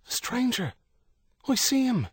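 A man voicing a wistful, anxious young boy who talks softly. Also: very high-pitched, sing-song, a little slow, slightly rough, no room sound, voice pushed up, heavily acted. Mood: hushed.

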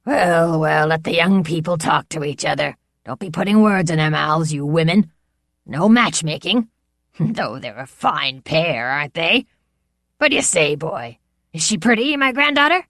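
A woman's voice: animated, measured pace, fairly bright tone, no echo, studio quality, heavily acted. A woman voicing a bellowing, overbearing old grandfather lord with brassy, jeering laughter in his voice. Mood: mocking. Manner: booming and jeering.

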